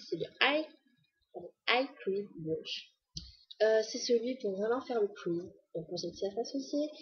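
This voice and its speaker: A woman talks casually and eagerly to the camera about her makeup haul, her voice very breathy and husky. She rambles with many fillers. The sound is dull and muffled, as from a basic home camera. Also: on the high side. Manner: chatty, enthusiastic, many fillers. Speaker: beauty vlogger.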